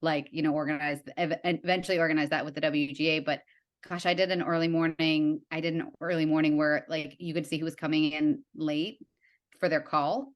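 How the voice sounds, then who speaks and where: A young adult woman, a guest in a casual conversation, telling stories in an animated way with lots of fillers and acted-out quotes. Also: low voice, brisk, dull audio. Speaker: guest, writer and art director.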